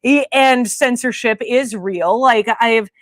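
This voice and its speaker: A woman's voice: fairly high pitch, slow, no echo, clean studio sound. A woman co-hosting a casual podcast chat, talkative and exasperated, filling her talk with "like". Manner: chatty, lots of "like" fillers, exasperated. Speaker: podcast co-host.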